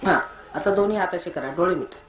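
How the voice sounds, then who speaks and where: A woman's voice: lowish voice, a little fast, a little hiss or hum. A woman, a spiritual teacher giving firm, scolding meditation instructions to a gathering. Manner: commanding, scolding. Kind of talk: guided meditation instructions to a crowd. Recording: echoey hall recording.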